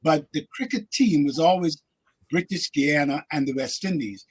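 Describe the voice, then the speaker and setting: This older actor from Guyana is a radio talk show guest, sharing reflective stories full of laughs and filler words. He speaks at a moderate pace, his voice a little high and slightly rough.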